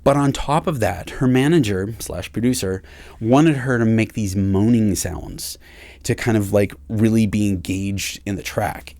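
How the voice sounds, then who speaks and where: A man who works as a recording engineer, casually telling a story with lots of halting restarts and self-deprecating asides. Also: lowish voice, a little mellow, dry recording.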